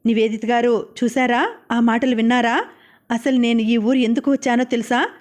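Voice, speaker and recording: Woman playing an aggrieved stubborn husband, complaining tone, fairly high, even pitch. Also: normal speed, close to an everyday voice. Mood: indignant. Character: indignant, stubborn middle-aged husband.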